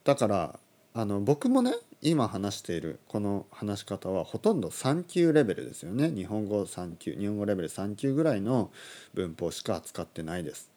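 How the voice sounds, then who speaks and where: Thirtysomething guy teaching on his podcast, lowish voice that jumps around a lot, chuckles and fixes his wording. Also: normal speed. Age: 30s. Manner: animated, chuckling, corrects his own phrasing aloud. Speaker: Japanese language teacher, podcast host. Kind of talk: casual podcast lesson.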